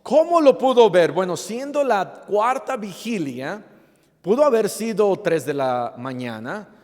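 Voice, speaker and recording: High-voiced preacher in a reverberant church. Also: male voice, very animated, unhurried, darkish tone. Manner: asks the congregation playful rhetorical questions; frequent fillers and restarts. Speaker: pastor. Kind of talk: sermon. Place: church sanctuary. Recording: long reverb of a church hall.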